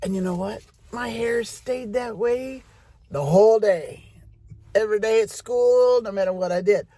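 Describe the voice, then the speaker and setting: A woman's voice: mid-range voice, unhurried, dark tone, no room sound. A middle-aged woman telling a rambling personal story in a chatty way, talking straight to her audience.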